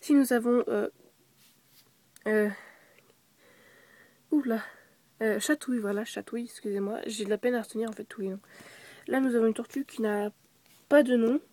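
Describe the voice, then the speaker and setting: A woman's voice: fairly high pitch, normal speed, pauses often, mellow, no room sound. A young girl showing her toy horse ranch in a casual show-and-tell, full of fillers, self-corrections and whispered asides.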